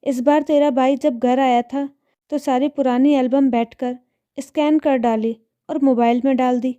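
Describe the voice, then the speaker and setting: A woman voicing a calm, wise older mother in a read-aloud story, speaking gently to her daughter. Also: sits high, unhurried, no room sound, lo-fi sound. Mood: tender. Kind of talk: storybook narration.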